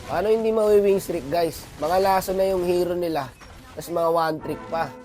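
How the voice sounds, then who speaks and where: A man with a hoarse voice from a cold, chatting casually to viewers while commentating a mobile game match. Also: high-pitched, moderate pace, darkish tone, faint music behind. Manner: chatty, slangy, addresses viewers often. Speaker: gaming commentator.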